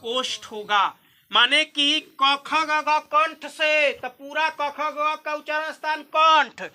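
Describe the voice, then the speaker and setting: A man's voice: very high-pitched, sharp tone. A man teaching a grammar lesson. He explains step by step, asking questions and answering them himself. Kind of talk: classroom-style Hindi grammar lesson.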